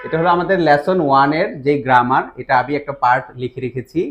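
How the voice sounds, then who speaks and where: A man's voice: mid-range voice, fast talker, fairly bright tone, lo-fi sound, soft background music. A Bangladeshi man, a language teacher, patiently explaining grammar step by step and asking his students rhetorical questions. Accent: Bangladeshi Bengali.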